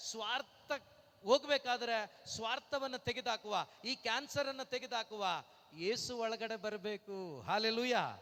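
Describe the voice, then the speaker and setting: Man preaching, bright ringing voice, rhetorical questions, long hall reverb. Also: very high-pitched. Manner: rhetorical questions, repeated hallelujahs; breaks into slow sung lines. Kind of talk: Pentecostal-style sermon.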